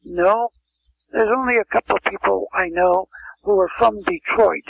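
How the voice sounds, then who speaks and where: An older man with a high, gravelly, slightly rough voice tells rambling anecdotes at a moderate pace as a guest in a casual storytelling interview, often restarting and drifting into asides. There's no echo, but the sound is muffled and lo-fi, like a phone line.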